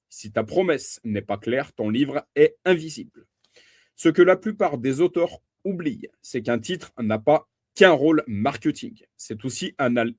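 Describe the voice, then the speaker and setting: A man's voice: medium pitch, no echo. A man reading a self-publishing book summary aloud, speaking to the listener directly, stressing key terms and correcting small slips. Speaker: book reader and reviewer.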